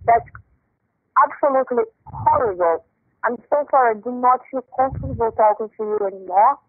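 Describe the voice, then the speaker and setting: A woman's voice: sits high, expressive, moderate pace, gravelly, no echo. A woman with a Brazilian accent, a fraud call agent on a phone call, flustered and apologetic, repeating herself. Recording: tinny phone line, dry.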